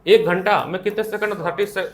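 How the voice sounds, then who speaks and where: Lecturing a classroom of students on physics, a young Indian-accented man asks questions and then answers them himself. He talks fast in a high voice with a steady tone.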